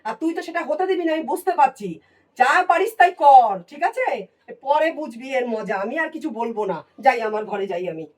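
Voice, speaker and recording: An actress playing a nagging elder aunt in a family drama, scolding and insistent about marriage. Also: female voice, high-pitched, expressive, brisk, darkish tone, distant mic. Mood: sulking.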